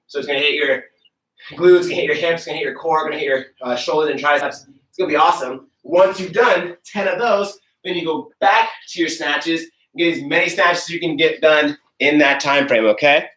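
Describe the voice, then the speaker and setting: A man's voice: on the high side, a little fast, fairly bright tone. A young man coaching an online workout, out of breath as he explains and demonstrates the moves in an upbeat, casual way. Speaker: fitness coach. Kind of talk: live online workout instruction. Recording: roomy echo, from far off.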